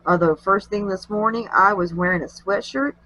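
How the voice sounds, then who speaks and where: A woman's voice: mid-range voice, normal speed, sharp tone, rough recording. A woman with a nasal, allergy-congested voice hosting a craft tutorial, chatting in a homey way as she works. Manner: chatty, homey, talks while working. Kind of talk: casual craft tutorial narration.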